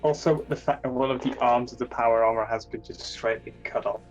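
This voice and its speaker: Halting male game master over faint music. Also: mid-range voice, fairly even intonation, muffled recording. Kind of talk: explanatory tabletop game narration. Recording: music playing behind the voice.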